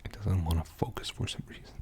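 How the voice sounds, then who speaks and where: A young man whispering softly in an ASMR video, rambling casually with many fillers. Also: fast talker. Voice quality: mostly unvoiced whisper. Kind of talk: whispered ASMR game show-and-tell.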